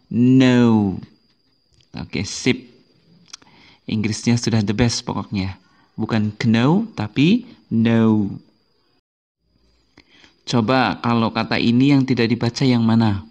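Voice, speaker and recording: A man's voice: mid-range voice, fairly even intonation, moderate pace, darkish tone, dull audio. A man teaching English as a video lesson, patiently repeating each word for beginners. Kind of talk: slow explanatory video lesson.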